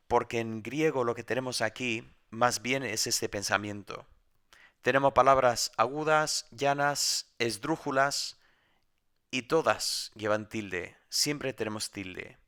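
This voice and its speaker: Bright, clear-voiced male Greek teacher. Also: on the low side. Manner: explanatory, with many restarts. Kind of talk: recorded grammar lesson. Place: home.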